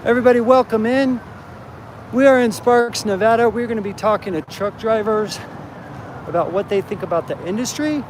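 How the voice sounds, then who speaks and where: Walking outdoors through a truck stop parking lot with a handheld phone, a man hosts a casual live stream and talks straight to his chat in an upbeat way. His voice sits high and moves a little fast. The phone audio carries loud outdoor and vehicle noise.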